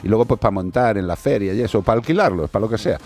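A low-voiced man from hosts a radio program as its resident veterinarian, his pitch swinging widely as he talks. He explains things in a wry, chatty manner, stretching out his asides. Faint music sits under his voice in the studio. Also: expressive, racing, darkish tone, slightly rough. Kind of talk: casual radio chat.

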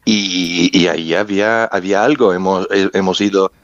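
A low-pitched man talks at normal speed with no room sound, though the recording is muffled and has music behind it. He's an underwater explorer and researcher appearing as an interview guest, a native English speaker with a foreign accent. He searches for words and repeats himself for emphasis as he tells his story.

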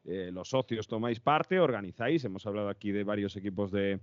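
A man's voice: lowish voice, fairly quick, no echo, muffled recording. A man with an accent from Spain hosting an interview, conversationally explaining and summing up for listeners. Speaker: interviewer, show host.

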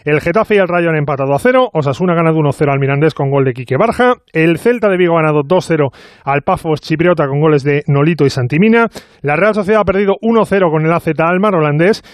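Male sports host, Castilian Spanish, brisk radio delivery at high speed in a dry studio. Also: dry recording. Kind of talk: brisk radio news round-up and chat.

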